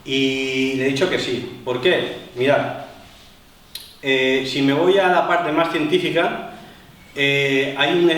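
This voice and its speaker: A man instructing a martial arts class, explaining to the group with many fillers and pauses. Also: fairly high pitch, fairly bright tone. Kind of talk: live seminar demonstration. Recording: echoey hall, voice from far off, faint noise.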